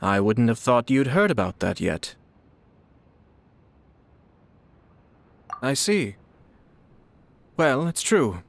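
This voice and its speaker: An actor playing a courteous young noble clan head, formal and measured, in an anime game. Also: male voice, mid-range voice, very animated, vocal fry. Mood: calm, polite. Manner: formal, polite, measured phrasing. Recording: music behind the voice.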